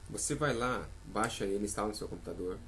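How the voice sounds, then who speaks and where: A man's voice: lowish voice, quick pace, creaky, a bit bright, a little hiss or hum, poor audio. A man with a Brazilian accent giving a casual singing lesson, chatty and encouraging, calling out sample notes as he teaches.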